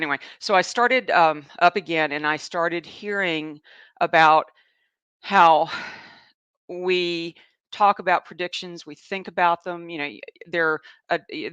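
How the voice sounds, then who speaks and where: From her home in Asheville, a Southern-accented woman who works as an animal communicator hosts a live show, chatting casually, rambling through a personal story, laughing often, and reading viewer comments. Her voice sits low and a bit bright, with a clean tone, no room sound, and the highs cut off.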